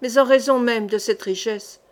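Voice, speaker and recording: A woman reading a gruff, blustering middle-aged male captain in an audiobook, grumbling and swearing. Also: on the high side, steady tone, normal speed, close to an everyday voice.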